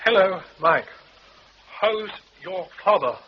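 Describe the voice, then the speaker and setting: An actor playing a stammering, excitable stage-Irish comic in a green beard, in a radio play. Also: male voice, takes it slowly. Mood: eager. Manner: high, excitable patter with stammers. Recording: dull old radio recording with hiss.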